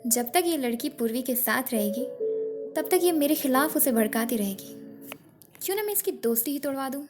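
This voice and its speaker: A woman's voice: high voice, animated, brisk. A woman voicing a jealous, scheming young man who snaps angrily in a story reading. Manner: angry, sharp retorts. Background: background music.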